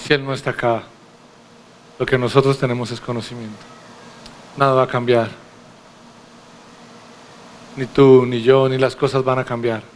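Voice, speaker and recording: A man preaching in a church, emphatic and direct with his congregation. He asks rhetorical questions in a mid-pitched voice. Faint noise sits behind him. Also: level tone, moderate pace, pauses often. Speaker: pastor. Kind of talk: sermon.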